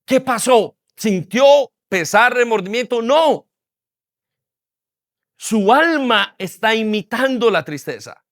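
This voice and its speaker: High-voiced pastor preaching emphatically. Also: male voice, animated, slow pace, fairly bright tone, no room sound, studio quality. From Colombia. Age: 40s. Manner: emphatic preaching with repetition and rhetorical questions. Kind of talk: sermon. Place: church hall.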